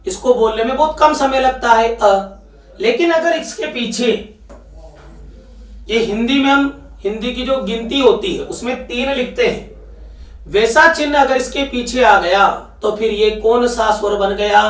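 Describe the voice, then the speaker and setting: A man's voice: very high voice, measured pace, fairly bright tone. A man teaching an exam-prep Hindi grammar lesson with a Rajasthani Hindi accent. He keeps asking questions and answering them himself. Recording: echoey room, voice picked up from a distance.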